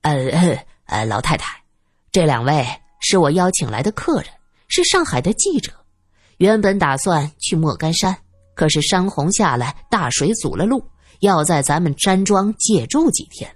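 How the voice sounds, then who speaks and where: A woman doing a placating middle-aged gentleman. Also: fairly low pitch, sing-song, moderate pace, slightly rough, soft background music. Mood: awkward. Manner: placating, fatherly, with hesitant fillers.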